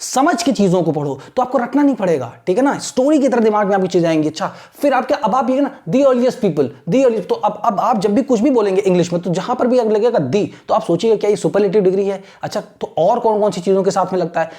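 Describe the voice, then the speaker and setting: Man teaching slowly with a chatty tilt. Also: high-pitched, animated, dark tone. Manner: repeats 'thik hai na', slows right down to spell out English words; urging, motivational. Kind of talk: casual spoken lesson.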